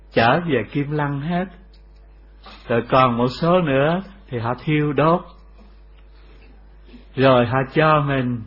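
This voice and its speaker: A man giving a Buddhist dharma talk, explaining slowly and asking rhetorical questions. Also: mid-range voice, slightly rough. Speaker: Buddhist teacher. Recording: dull lo-fi recording.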